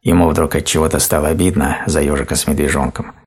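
A man reading a fairy tale aloud in a slow, gentle, calm storybook narration. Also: extremely low pitch, breathy edge.

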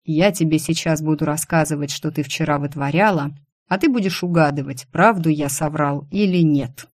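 A woman reading an audiobook, voicing a male boss who teases and mocks, sometimes shouting. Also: fairly high pitch, normal speed, lightly acted. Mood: mocking. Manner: mocking, playfully teasing, bursts into yelling. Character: teasing, mocking male boss, quick to shout.

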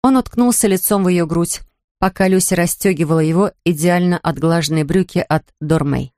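A man narrating an audiobook in an even, measured reading voice. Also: high voice, no room sound, clean studio sound. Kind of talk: scripted narration.

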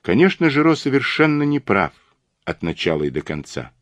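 A man reading the part of a shrewd, gentle older detective who speaks softly and in a measured, knowing way. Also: medium pitch, big pitch swings, dry recording, voice pushed up, lightly acted.

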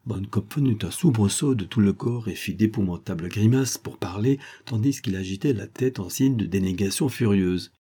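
A man narrating a French detective novel as an audiobook reader, in a measured, expressive way. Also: on the low side, husky. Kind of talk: scripted narration.

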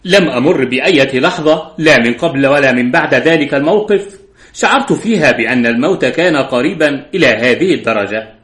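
A man's voice: medium pitch, lively intonation, fairly quick, fairly bright tone. Man narrating a story in a roomy space. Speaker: audiobook narrator. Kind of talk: scripted narration. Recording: roomy echo.

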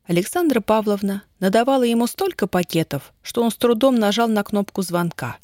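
A woman reading a children's detective story aloud as narrator, in an even, measured way. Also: mid-range voice, dry recording, clean studio sound. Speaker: audiobook narrator. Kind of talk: scripted narration.

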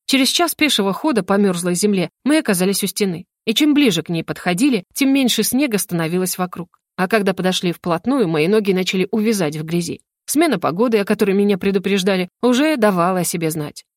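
A woman narrating a first-person fantasy audiobook in an even, measured way. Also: medium pitch, no room sound, clean studio sound.

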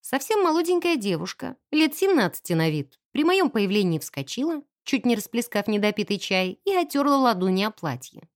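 A woman narrating a first-person audiobook in an expressive, wry storytelling manner. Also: fairly high pitch, moderate pace, few pauses.

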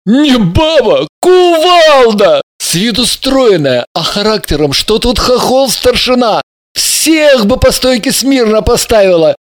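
Brief: woman reader as a sarcastic young nephew, higher voice, pompous and mocking. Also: expressive, a little slow. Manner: mocking, declaiming with pathos.

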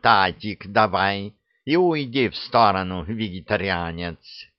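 A man's voice: fairly low pitch, slow, dry recording. A man voicing a servile, fawning male cat who talks in a wheedling way, in a dull, dry recording. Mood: sly. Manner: obsequious, wheedling.

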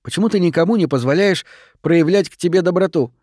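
A man voicing an earnest teenage schoolgirl who speaks softly and pleadingly in an audiobook. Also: high-pitched, fast talker, no room sound, studio quality, pitched above the performer's own voice. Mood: gentle. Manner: soft-spoken, pleading.

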